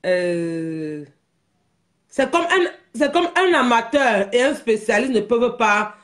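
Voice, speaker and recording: A woman hosts an unscripted live stream, her colouring every phrase. She rants with animated energy, repeating herself, and her voice sits a touch higher than most women's. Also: moderate pace. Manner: animated, repetitive, often laughing while talking.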